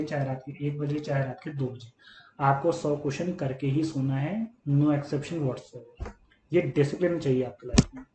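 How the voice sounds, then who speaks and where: A man's voice: a little high, dark tone. A man teaching chemistry to exam students, earnest and coaxing, often calling them "beta" and repeating his points on his words. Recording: echoey room with faint hum.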